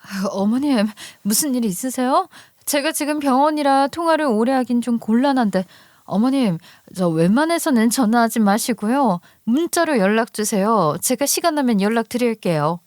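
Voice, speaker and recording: A curt, dismissive young wife, read out by a woman who brushes people off and boasts about herself. Her voice sits a little high and sounds close and dry, with no room around it. It plays as acted dialogue in a narrated story. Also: lively intonation, normal speed, a little mellow, no echo, lightly acted.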